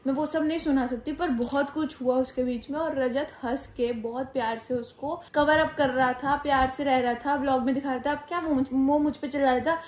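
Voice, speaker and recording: A woman's voice: high voice, fairly even intonation, brisk, hardly any pauses, roomy sound. A pregnant young woman vlogger talking to camera, earnest and emphatic, slipping English phrases into her speech. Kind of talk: casual talk to camera.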